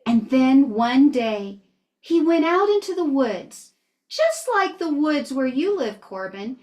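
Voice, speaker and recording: A woman's voice: sits high, big pitch swings, takes it slowly, a little mellow. A woman telling a missionary story to children, earnestly reading aloud and asking them questions.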